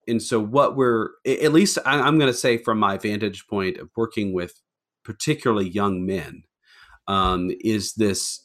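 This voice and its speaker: A man's voice: fairly low pitch, a bit bright. A man co-hosting a podcast, talking earnestly and searchingly, often trailing off at the end of a phrase. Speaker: podcast co-host. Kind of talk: casual discussion.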